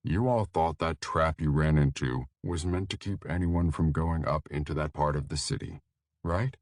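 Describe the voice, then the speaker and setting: Worried young visionary, voiced by a male narrator; low, dry, urgent. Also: normal speed, darkish tone, no room sound. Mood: explaining.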